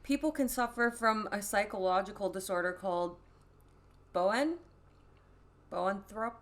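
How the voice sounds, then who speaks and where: A woman's voice: mid-range voice, a little fast. A woman co-hosting a casual podcast chat, giggling often as she reads out trivia. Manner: giggly, animated, reading out trivia. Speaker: podcast co-host.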